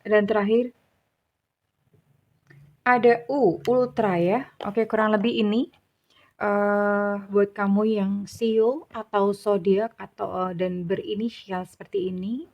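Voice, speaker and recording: A woman's voice: mid-range voice, steady tone, takes it slowly, dull audio. A middle-aged woman, reading tarot cards in a casual, chatty way, teasing and laughing as she talks. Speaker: tarot reader.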